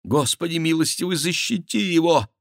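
A man reading an audiobook voices a frantic young noblewoman, raising his voice high into pleading cries and prayers. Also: animated, normal speed, creaky, no room sound, clean studio sound. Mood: praying.

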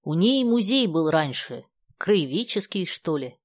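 A woman reading aloud and voicing a kindly, talkative old village woman who speaks in a slow, folksy way. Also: on the low side, big pitch swings, no echo, clean studio sound. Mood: folksy chatter.

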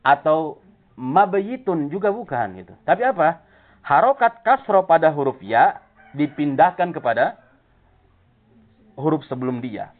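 A man's voice: a little high, animated, a little slow, pauses often. A man teaching an Arabic grammar class, explaining step by step and checking whether the class understands. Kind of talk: classroom lesson. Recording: tinny phone-like audio.

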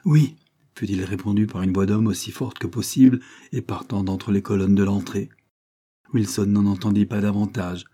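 Low, husky male narrator. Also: steady tone, moderate pace, mellow. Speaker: audiobook narrator. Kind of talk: scripted narration.

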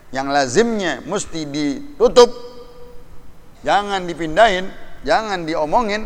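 Animated high-voiced male preacher. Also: in a large hall. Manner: animated, colloquial storytelling with Arabic quotations. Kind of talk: sermon.

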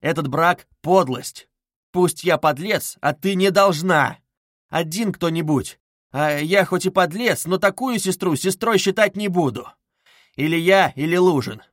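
A man's voice: a little high, moderate pace, no room sound, studio quality, lightly acted. A man voicing a feverish young man, irritable, strained and insistent. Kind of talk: audiobook character reading.

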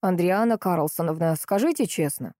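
A woman voicing a grumpy, irritable middle-aged male police colonel who talks dryly and gruffly, in an audiobook. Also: mid-range voice, expressive, a little fast, warm tone, no room sound, pitched above the performer's own voice, natural voice. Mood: exasperated. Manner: dry, gruff and snappish.

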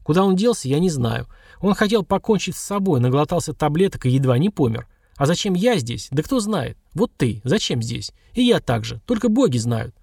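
A wary former battle mage stuck in a stranger's body, voiced by a male narrator. He talks guardedly, a touch hoarse, in a slightly raised and dry voice. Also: fairly high pitch, very animated, brisk, hardly any pauses, darkish tone, dry recording, exaggerated voice. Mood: weary. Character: young man, displaced battle mage, wary.

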